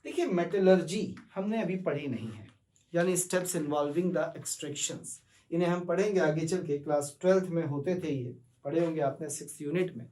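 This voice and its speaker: A man teaching chemistry talks briskly with hardly any pauses, his slightly high voice animated and warm. He explains step by step, answers the questions he asks, and blends English terms into his lecture. It was recorded with a distant mic in an echoey classroom, so he sounds off-mic.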